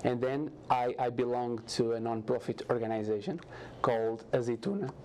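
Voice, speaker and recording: A young man from Portugal with a Portuguese accent, answering as a guest in a TV studio interview, halting with frequent restarts. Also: mid-range voice, a little mellow, a little hiss or hum. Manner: halting, many restarts and fillers, earnest. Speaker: guest, startup founder.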